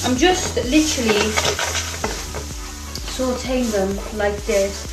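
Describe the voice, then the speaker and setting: A woman's voice: a little high, slow pace, far from the mic. A young woman from the UK with a British accent, chatting playfully on a home cooking livestream and calling viewers darling. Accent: British English. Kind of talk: live cooking chat, reading viewer comments. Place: home kitchen. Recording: roomy kitchen echo. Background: faint music and frying sizzle.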